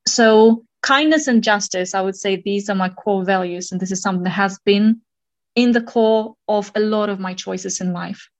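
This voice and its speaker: A woman's voice: mid-range voice, normal speed, dry recording. A young woman from Kazakhstan, a doctoral student, talking earnestly and thoughtfully as an interview guest, with some fillers. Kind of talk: casual interview talk.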